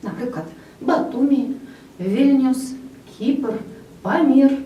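A woman's voice: high-pitched, slow pace, echoey room, far from the mic, dull audio. A woman teacher giving a school grammar lesson, speaking straight to the pupil and reading out example words one by one.

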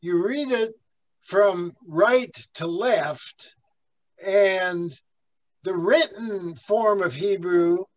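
A man's voice: high-pitched, drawn-out words, poor audio. A man, a pastor, teaching a church class in a conversational, rambling way with many fillers and asides. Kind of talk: conversational Bible class lecture.

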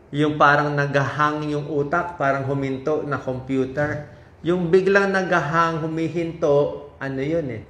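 Lively man talking health, echoey room. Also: mid-range voice. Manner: lively, stresses each numbered point, asks rhetorical questions. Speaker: doctor giving health advice. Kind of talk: informal medical talk. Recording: echoey room with faint ambience.

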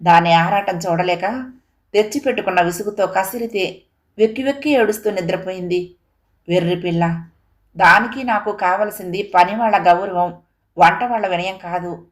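A woman's voice: fairly low pitch, normal speed, close to an everyday voice. A woman voicing a feverish, hurt husband who pleads earnestly with his wife. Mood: pleading.

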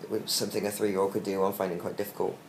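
Weak, tired British man, low gravelly voice. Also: little pitch movement, racing, a little mellow. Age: young adult. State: weak and tired after surgery, short of breath. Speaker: vlogger giving a recovery update. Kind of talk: casual video diary. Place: small hospital room, lying in bed. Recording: roomy echo with faint background hiss.

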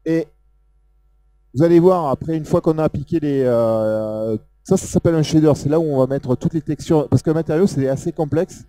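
A man with a Southern French accent walks an audience through a software demo in a loose, filler-heavy way. His voice sits a little high for a man but sounds dark and mellow. The sound is dry and close. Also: normal speed, no echo. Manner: casual, hesitant, many fillers, pointing things out. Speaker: software presenter. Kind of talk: live technical demo talk.

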